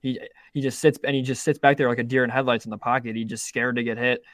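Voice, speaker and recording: Young man, casual podcast co-host, rambling with restarts, mid pitch, dry close mic. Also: steady tone, quick pace, fairly bright tone, no room sound. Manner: rambling, self-interrupting, frequent restarts and swearing. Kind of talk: casual sports betting chat.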